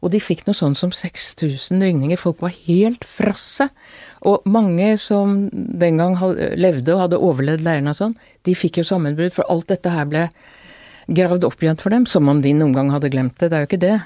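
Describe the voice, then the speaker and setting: An older woman, an author being interviewed, telling her family's story in an earnest, halting way with many restarts. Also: on the low side, warm tone, no room sound. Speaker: author guest. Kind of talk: reflective interview talk.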